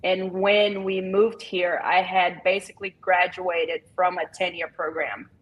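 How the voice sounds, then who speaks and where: In a muffled recording, a woman with a fairly low voice speaks flatly at a measured pace. She's a Brazilian business owner in her thirties, a native Portuguese speaker with a Brazilian accent, chatting and laughing easily as a guest in a casual interview.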